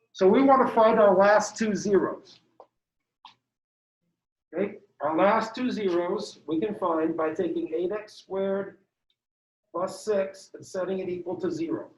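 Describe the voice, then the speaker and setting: A male math teacher giving a classroom lecture, upbeat and walking students through each step. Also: high voice. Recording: dull echoey room sound from far off.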